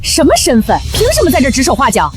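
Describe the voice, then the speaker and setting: A woman's voice: sits high, wildly swooping pitch, fast, faint music behind. A haughty rich mother-in-law. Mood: scornful. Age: middle-aged. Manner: haughty, scornful. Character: snobbish rich mother-in-law, arrogant and cruel. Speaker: groom's mother. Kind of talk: short-drama acting.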